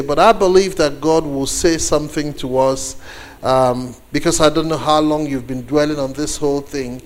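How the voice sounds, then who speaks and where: A native Igbo speaker from eastern Nigeria, this man has a Nigerian accent and a medium-pitched voice. He preaches a sermon to a congregation as a guest, speaking deliberately with pauses and repeated phrases for emphasis.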